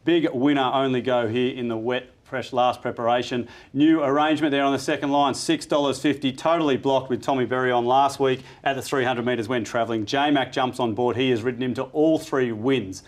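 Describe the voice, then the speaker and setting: A man's voice: mid-range voice, fairly even intonation, brisk, few pauses. An Australian man hosting a horse racing preview, reeling off odds and form like a betting tipster. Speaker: racing show host.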